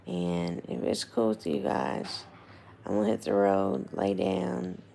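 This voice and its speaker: Hoarse woman losing her voice, heavily creaky. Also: a bass voice, sing-song, slow pace, dark tone, a little hiss or hum. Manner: rambling, informal, checking in with viewers. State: hoarse, losing voice, throat gone. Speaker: livestream host, nursing home resident. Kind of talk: casual livestream chat.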